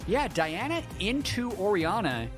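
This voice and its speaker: A man's voice: sits high, sing-song, unhurried. A man giving casual, analytical color commentary on a competitive video game. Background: music.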